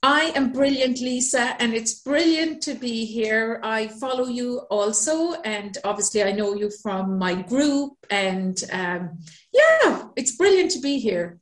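A woman from Ireland with an Irish accent, a business mentor telling her story as a podcast guest in a chatty, lively way. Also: on the high side, unhurried, roomy sound. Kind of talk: podcast interview.

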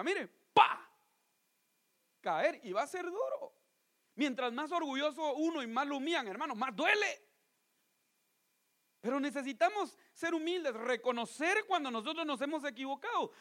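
A man preaching a sermon, moving between loud pleading appeals and hushed asides, often calling his listeners brother. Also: very high-pitched. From Guatemala.

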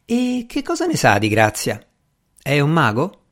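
A proud young magician talks in a dry, sardonic way, as a male reader gives him voice. His pitch moves freely and animatedly. It is a storybook reading. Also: wildly swooping pitch, a little slow, a bit bright, exaggerated voice. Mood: scornful.

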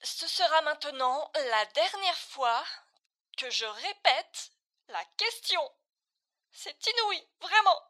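A woman's voice: high voice, expressive, slow, bright, forceful tone, exaggerated voice. An actress playing an impatient woman who keeps repeating a question and grows exasperated, in a surreal comic dialogue. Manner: exasperated, sighing, increasingly irritated.

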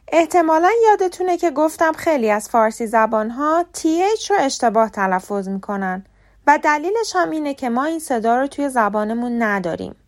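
A woman from Iran hosting a scripted podcast lesson on English pronunciation, speaking clearly and carefully and slowing down to spell out example words. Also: fairly high pitch.

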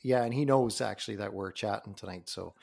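A man's voice: on the low side, a little fast, gravelly, a little mellow. A man hosting a podcast, asking curious, friendly questions in casual chat. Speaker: podcast host.

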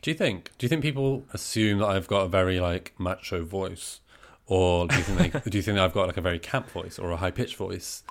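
Calm clear guy cohosting a chatty podcast, lowish voice. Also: brisk, few pauses. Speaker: podcast co-host. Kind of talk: casual chat.

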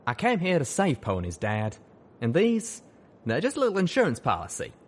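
Brief: wry, folksy young pegasus stallion, voiced by a man, drawled slang, lively delivery. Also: a little high, moderate pace, slightly rough, voice pushed up, full character voice. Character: young male pegasus pony, folksy wisecracking friend.

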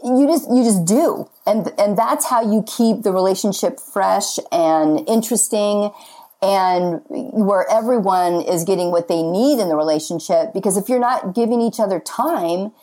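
A woman's voice: mid-range voice, measured pace, dark tone. A woman in her fifties, a guest talking earnestly and chattily about faith and marriage, with many casual fillers. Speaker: podcast guest.

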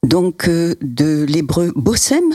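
A man interviewing an author on a book program, speaking in a measured way with many hesitations. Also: on the high side, animated, warm tone, no echo, studio quality. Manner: measured, hesitant with frequent fillers.

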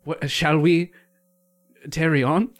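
Here a male improv performer takes on the role of a drunken but devoted young squire, keeping his fairly high voice steady and unhurried. The speech is flowery and old-fashioned, with faltering fillers throughout.

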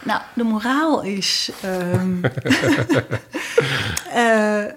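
A woman guest telling a fairy tale in a relaxed, hesitant way with many fillers. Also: medium pitch, drawn-out words, slight background noise. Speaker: guest storyteller.

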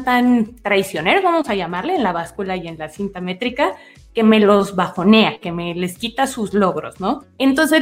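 A woman nutritionist, explaining her approach in an interview and acting out what her patients say. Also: fairly high pitch. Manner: earnest, explains with quoted patient dialogue. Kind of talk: casual interview talk.

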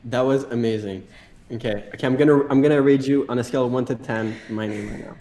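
A man's voice: medium pitch, quick pace, dark tone, a little hiss or hum. Friendly man. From Quebec, Canada. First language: French. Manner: friendly, laughing, repeats words. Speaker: guest, dancer. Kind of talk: casual video call chat.

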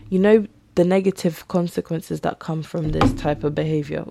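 A woman's voice: fairly low pitch, gravelly, darkish tone. A young woman hosting a podcast, talking candidly in a rambling, casual monologue and acting out the voices she quotes. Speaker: podcast host.

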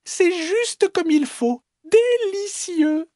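Blanchette, un homme jouant une petite renarde aiguë. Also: male voice, lively intonation, drawn-out words, mellow, no room sound, studio quality, heavily acted. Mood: fussy, delighted. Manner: high squeaky voice, drawn out.

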